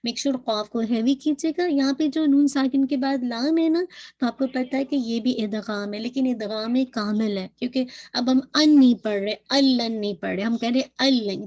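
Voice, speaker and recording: A woman teaching Quran recitation, drawing out words slowly as she demonstrates them and mixing English terms into her explanations. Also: on the high side, darkish tone, dull audio.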